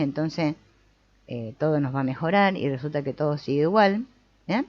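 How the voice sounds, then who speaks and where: Low-voiced, lively woman teaching. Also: no room sound, lo-fi sound. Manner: expressive, asks listeners for agreement, laughs between points. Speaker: spiritual teacher. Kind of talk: teaching talk.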